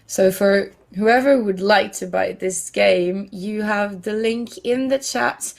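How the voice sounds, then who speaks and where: A woman hosting a livestream in a casual, chatty style at a middling pitch. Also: slow pace, gravelly. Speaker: stream host.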